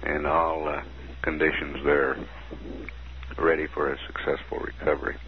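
A man with a very low voice delivers crisp, measured mission status reports, reading out one figure after another. His voice comes through a muffled radio transmission, dull and lo-fi like an old archive broadcast. A faint hiss runs underneath. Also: little pitch movement. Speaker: mission control commentator. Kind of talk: formal status announcements.

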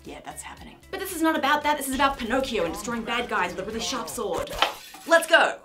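A young woman raised in New Zealand hosts a casual let's-play, talking fast in a fairly high, very animated voice. She chats, mocks herself, and exclaims at the game while game music plays behind her in a small decorated room.

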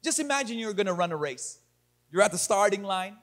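A man preaching a sermon as pastor, moving from calm talk to loud emphasis. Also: high voice, a little fast.

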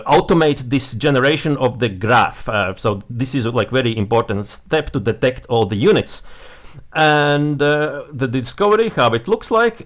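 This software tutorial presenter is a young man whose first language is Latvian, and it shows in his accent. Speaking at a medium pitch from a small room, he guides a setup via screen share, often restarting and using plenty of fillers.

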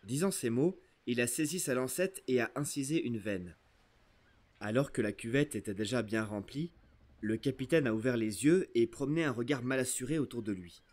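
Man, audiobook narrator, expressive storytelling, mid-pitched voice. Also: moderate pace. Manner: expressive storytelling, first-person voice of a boy. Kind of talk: scripted narration.

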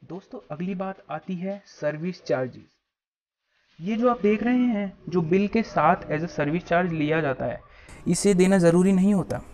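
This young adult from India runs his own channel and teaches a topic straight to camera, treating his audience as friends. He speaks in a high pitch at an unhurried pace, with background noise present. A small clip-on mic on his shirt captures him in a small room in front of a plain backdrop.

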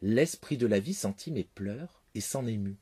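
Husky-voiced man reading a tale. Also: fairly low pitch, moderate pace. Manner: expressive, first-person telling. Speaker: narrator. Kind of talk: storybook reading.

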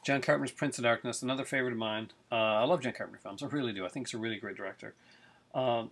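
Talking at a racing pace, a middle-aged man with a mid-range, fairly bright voice reviews his film collection casually and eagerly, rambling with many fillers. He's recording the casual video review on a close-range webcam in his living room.

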